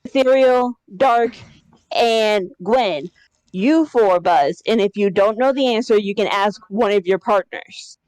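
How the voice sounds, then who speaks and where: A woman's voice: medium pitch, a little slow, darkish tone, no echo, poor audio. Woman speaking dry and close. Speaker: quiz contestant. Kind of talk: casual chat on a voice call.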